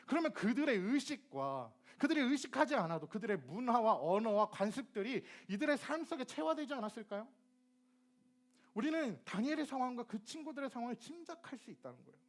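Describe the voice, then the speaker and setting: This youth ministry preacher from Gyeonggi, South Korea, has a very high voice and talks a little fast. Delivering a sermon to teens, the young man stays lively, questioning his listeners and performing dialect phrases.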